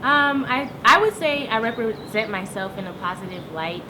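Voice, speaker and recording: A twenty-five-year-old woman, an academic advisor, giving careful, deliberate documentary interview answers. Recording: background noise with rumble.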